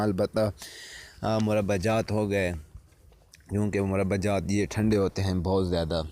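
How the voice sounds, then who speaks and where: A man's voice: lowish voice, warm tone. A man giving spoken instructional advice on keeping partridges, often repeating and rephrasing his points and calling viewers friends.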